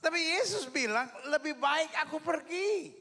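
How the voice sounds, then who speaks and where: A pastor preaching from the pulpit in a very high, bright voice, ringing through a big church hall with a long echo. He pushes his lines into shouts and repeats them, and calls on the crowd to answer him. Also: expressive, moderate pace. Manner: preaching with shouted repetitions and crowd call-and-response. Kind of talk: sermon. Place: large church auditorium. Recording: long reverb of a large hall.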